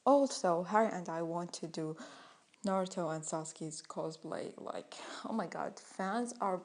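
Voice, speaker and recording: Slow, rambling young woman vlogger. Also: fairly low pitch, darkish tone. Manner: rambling, hesitant, with frequent fillers and restarts. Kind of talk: casual story time.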